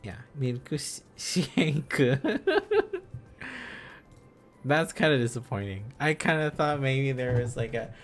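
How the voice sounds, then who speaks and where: A man streaming himself learning Korean script speaks slowly in a mid-range voice with big pitch swings, soft music underneath. The lesson is casual. He ponders aloud and repeats phrases and syllables as he works through letters and words.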